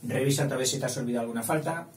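Man dictating, roomy echo. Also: mid-range voice. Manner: slow, spelling out words, playful asides. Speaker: teacher. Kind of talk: dictation lesson. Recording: echoey room, distant mic, faint hiss.

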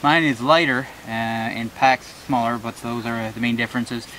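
An outdoor vlogger in his thirties chats casually about his gear at a forest campsite in the rain, relaxed and full of filler words, at medium pitch and moderate pace. The camera mic moves near and far, picking up outdoor ambience noise.

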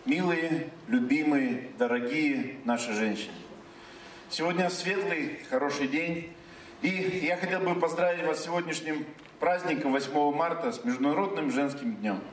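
A man delivering a congratulatory public speech as an official, phrase by phrase and a little haltingly. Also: a little high. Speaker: head of town district giving greeting. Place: large theatre stage, indoors. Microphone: handheld stage mic, heard from a far camera. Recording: echoey hall from far off, faint noise.

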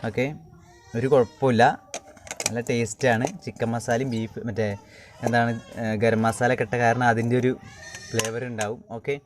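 In a level, medium-pitched voice, a Kerala man speaks at a moderate pace with long pauses, casually showing viewers how he cooks at home. The home cook and vlogger rambles and repeats phrases at his wood-fire cooking spot. His noisy self-made recording picks up clicks and the clatter of pans.

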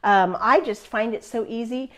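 A woman's voice: a little high, moderate pace. A middle-aged woman teaching a live online quilting class in a chatty, upbeat way, laughing often.

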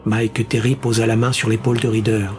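A man's voice: on the low side, level tone, fairly quick. Man narrating an audiobook over music. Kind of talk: scripted narration.

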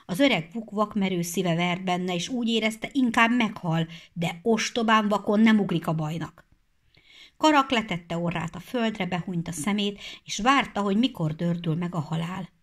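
A woman narrating a children's storybook in a measured, expressive way. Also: mid-range voice. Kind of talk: storybook reading.

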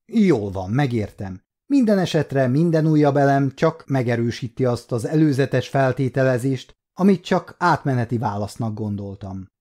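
A man voicing a grave, troubled alien chief supervisor who speaks in a measured, formal way, in a storybook reading. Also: mid-range voice, lively intonation, warm tone, lightly acted.

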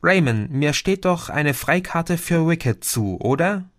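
A man's voice: a little high, slow, dry recording, clean studio sound, pitched above the performer's own voice. A man doing a chatty cheeky young woman. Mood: bright. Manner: lively, often ends with a questioning "oder?".

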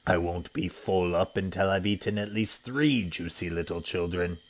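Male reader doing a deep, scheming storybook crocodile, gloating and muttering. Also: normal speed, a little hiss or hum, close to an everyday voice. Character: greedy boastful male crocodile, sly.

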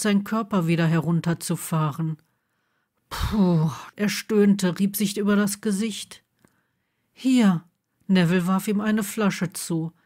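A woman reads a romance story aloud at a very slow, deliberate pace. Her voice sits fairly low, and the delivery stays measured and intimate throughout. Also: a little mellow. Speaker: audiobook narrator. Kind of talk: scripted audiobook narration.

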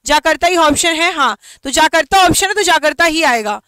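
A woman's voice: very high voice, lively intonation, bright, forceful tone, dry recording. A woman teaching an exam-prep quiz lesson online, repeating each question and mixing English phrases into her talk. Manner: reads English questions slowly and carefully.

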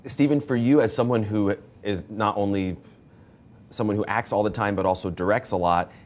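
A man interviewing film actors at a press event, friendly and quick to laugh. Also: on the low side, darkish tone.

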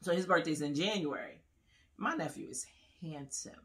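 A woman in her forties co-hosts a podcast from a small living room, speaking in a deep voice at normal speed. The chat is casual as she rambles through stories and laughs often.

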